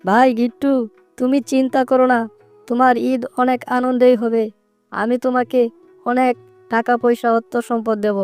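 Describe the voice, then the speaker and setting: Woman acting a gentle talking tree, cartoon fairy tale, pleading, soothing, mellow, clean tone. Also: fairly high pitch, level tone, moderate pace, clear, resonant tone, soft background music, close to an everyday voice. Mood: kindly.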